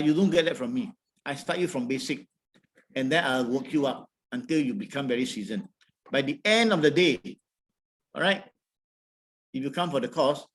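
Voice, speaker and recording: A man with a Singaporean accent speaking as a trading coach in an informal webinar, colloquial and encouraging, with frequent tag words. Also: on the high side. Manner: colloquial Singlish with tags like "all right" and "lah". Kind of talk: informal webinar presentation with audience questions.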